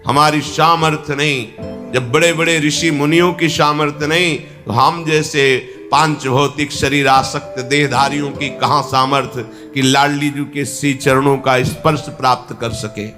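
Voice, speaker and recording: A male spiritual teacher speaks in a measured, unhurried devotional discourse, his voice sitting a little high for a man. He dwells on quoted verses with reverence. Soft instrumental music plays faintly behind him. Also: fairly even intonation. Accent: Hindi. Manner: slow, reverent, quoting verses.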